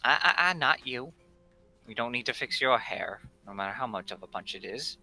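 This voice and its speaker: A man's voice: medium pitch, expressive, moderate pace, creaky, pushed and bright, faint music behind, heavily acted. A man voicing a sassy, cross-dressing male potion seller in a tabletop game, with a mock-snippy, haughty manner. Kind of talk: in-character tabletop role-play.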